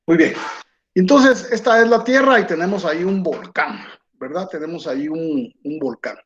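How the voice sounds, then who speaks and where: A man teaching an online lecture, slow and patient, checking in with his students after nearly every phrase. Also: fairly high pitch, lively intonation. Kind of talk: online lecture while drawing on a board. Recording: dull lo-fi sound.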